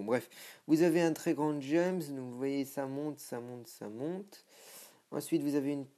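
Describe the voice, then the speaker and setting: A man's voice: medium pitch, gravelly, dark tone. A young man giving a casual, self-mocking commentary as he tours a game server, with many hesitations. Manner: chatty, self-mocking, lots of filler hesitations. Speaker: gaming video creator.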